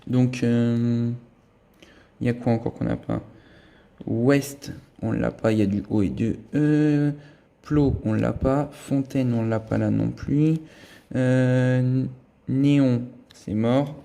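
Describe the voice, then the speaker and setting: Gravelly man chatting through scratch cards. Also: medium pitch, fairly even intonation, slow pace, warm tone. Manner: chatty, thinks aloud while checking symbols and letters. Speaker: scratch-card vlogger. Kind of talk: casual running commentary.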